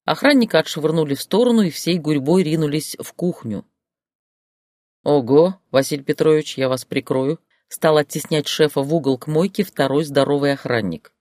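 Lively, dry-sounding audiobook reader. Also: medium pitch, dry recording. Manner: lively comic storytelling. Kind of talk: expressive audiobook narration.

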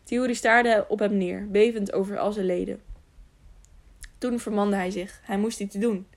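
Reading scripted narration for an audiobook, this woman has a creaky, gravelly texture and a middle pitch. Her delivery is steady and unhurried, though she frequently slips up and corrects herself.

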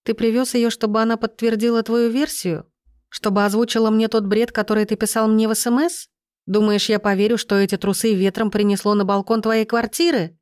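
A woman's voice: a little high, little pitch movement, a little fast, a little mellow, clear, resonant tone, no room sound, clean studio sound, pitched above the performer's own voice, lightly acted. A woman doing a tearful young mother-to-be. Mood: bitter. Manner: pleading, trembling, bursting out.

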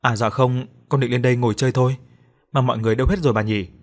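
A casual young man asks quick questions and dodges with evasive answers as a man reads him. His pitch is middling. It is a plain storybook voice. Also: steady tone, close to an everyday voice.

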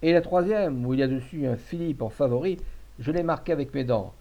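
A man's voice: fairly high pitch, fairly quick, close to an everyday voice. A man voicing an old miserly male lodger from a rural province, agitated and accusing, on a dull lo-fi recording.

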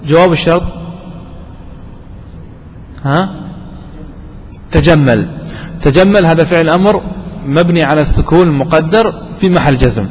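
Male grammar teacher, higher voice, quizzes the class and repeats examples, long reverb and faint noise behind. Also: moderate pace, long pauses.

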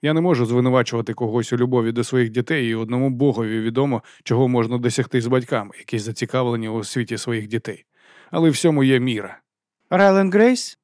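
Man, audiobook narrator, steady wry first-person reading, medium pitch, dry close recording. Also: quick pace, dry recording.

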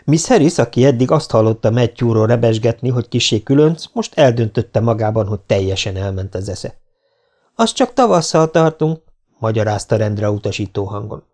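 A man narrating a novel as an audiobook, in a measured storytelling manner. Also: on the low side, steady tone, warm tone.

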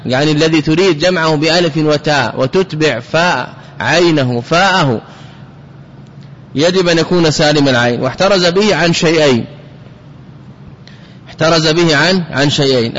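A man teaching grammar in a fairly high voice, drawing out and repeating example words, then posing questions and answering them himself. The recording sounds muffled, with a long reverb trailing off each phrase. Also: fairly bright tone. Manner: explains slowly, repeating example words and asking rhetorical questions. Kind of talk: classical grammar lesson. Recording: dull audio with long hall reverb.

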